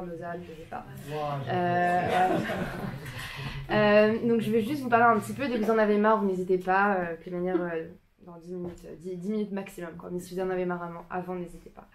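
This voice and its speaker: A young woman the gives a relaxed, informal talk to a small group in a community room. Her pitch is average for a woman. She hesitates often, restarts her sentences and breaks into shy little laughs. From France, Paris suburbs. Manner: hesitant, many fillers and restarts, self-conscious laughter. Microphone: filmed by a camera.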